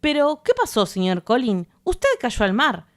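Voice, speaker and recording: A woman's voice: a little high, huge pitch swings, unhurried. Woman reading a thoughtful sea captain. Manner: thoughtful, questioning. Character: thoughtful male ship captain.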